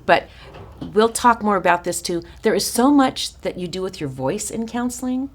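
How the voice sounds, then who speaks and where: Raspy-voiced woman teaching a workshop. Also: mid-range voice, expressive, normal speed, slight background noise. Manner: chatty, warm-hearted asides with frequent restarts and fillers. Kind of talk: informal teaching talk to a small group.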